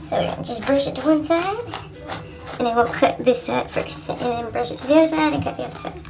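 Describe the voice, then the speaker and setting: A woman's voice: sits high, fast talker, gravelly, recorded from a distance, over music, low-quality recording. A woman vlogger giving a casual how-to, joking and profane, who keeps asking "you know?". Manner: joking, self-mocking. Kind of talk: casual tutorial chat.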